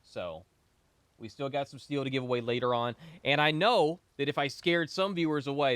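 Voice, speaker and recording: A man's voice: mid-range voice, fairly bright tone, dry recording. A sick, stuffy man casting a game tournament on a live stream, chatty and playful and prone to wandering off topic. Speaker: esports tournament caster. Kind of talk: casual live-stream commentary.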